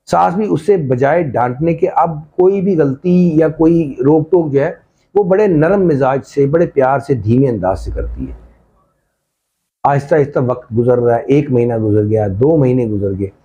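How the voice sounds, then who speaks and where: A man's voice: mid-range voice, lively intonation, normal speed, mellow. A man telling a family story in a casual, conversational way, speaking straight to the listener, on slightly dull lo-fi audio. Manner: conversational, addresses listener directly.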